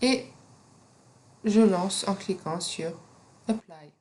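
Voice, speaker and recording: A woman with a non-native French accent giving a screen-recorded software tutorial, explaining steps slowly with frequent fillers. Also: medium pitch. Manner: slow, step-by-step instructions with frequent fillers. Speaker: teacher.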